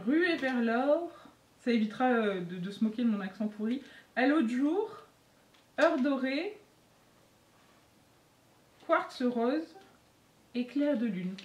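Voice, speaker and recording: A woman chatting excitedly and giggling as she unboxes makeup for her beauty vlog. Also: high-pitched. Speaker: beauty vlogger. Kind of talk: casual unboxing chat. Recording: echoey room, faint noise.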